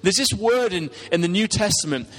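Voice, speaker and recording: A man's voice: high voice, animated, brisk. A man with a Teesside English accent preaching a conversational, earnest sermon, putting questions to his congregation. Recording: long hall reverb.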